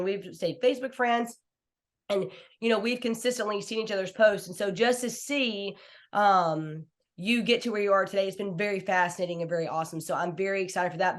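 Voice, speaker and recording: An American woman in her thirties, hosting a podcast in an informal, conversational, enthusiastic way. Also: medium pitch. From small town in Washington, United States. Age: 30s. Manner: enthusiastic, informal, uses y'all and like. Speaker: podcast host. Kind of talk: chill, conversational interview hosting.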